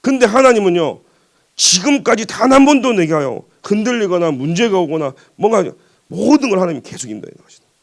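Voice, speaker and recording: A male pastor delivers a sermon in a church sanctuary, his fairly high voice swinging widely up and down as he preaches. He is emphatic and animated, telling stories from his own life and chuckling at his asides. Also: quick pace. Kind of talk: sermon at a midweek service.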